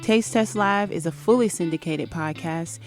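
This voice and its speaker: Female co-host, low voice, measured delivery, casual chat. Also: soft background music. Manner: reads show promos in a measured way. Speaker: podcast co-host.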